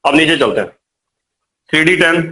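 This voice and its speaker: Male teacher, high voice, live classroom lecture, repeats and quizzes students. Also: animated, moderate pace, bright, forceful tone, rough recording. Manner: repetitive, coaxing, quizzes students. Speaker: chemistry teacher.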